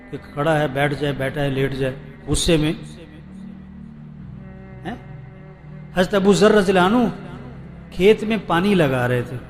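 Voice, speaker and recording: Preacher asking rhetorical questions over music. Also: male voice, a little high. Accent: Pakistani Urdu. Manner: rhetorical questions, call-and-response repetition. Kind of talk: sermon to a seated gathering.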